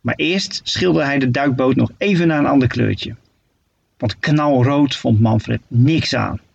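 A man reading a children's story aloud in an animated, playful way. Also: medium pitch, measured pace, creaky, slightly rough. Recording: dull lo-fi recording.

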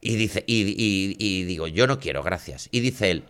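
Man, podcast co-host, lively teasing banter, bright edge, swings up and down. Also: sits low, moderate pace, slight background noise. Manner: animated, teasing, drops to mumbles. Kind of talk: casual comedic chat.

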